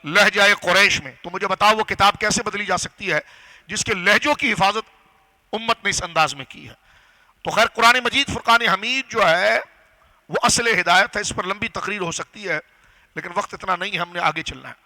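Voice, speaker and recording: A man preaching a religious lecture to a gathering, teaching step by step, asking the audience questions and slowing down on key phrases. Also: high-pitched, pushed and bright, rough recording. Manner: didactic, rhetorical questions to audience. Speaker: Islamic scholar and preacher. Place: gathering hall.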